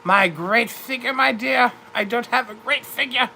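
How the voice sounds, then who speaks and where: Playing a vain widowed duchess of about fifty with a British accent, this livestream host addresses her viewers theatrically and grandly, with "darling" for everyone. Her voice sits a little high, creaky yet bright, with a forceful tone at a moderate pace. Slight background noise can be heard.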